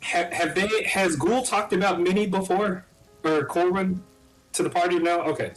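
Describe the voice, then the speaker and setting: A man's voice: high-pitched, moderate pace, rough recording. Hesitant man playing a tabletop game. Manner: hesitant, full of ums and restarts. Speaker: player. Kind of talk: casual tabletop play. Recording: faint background music.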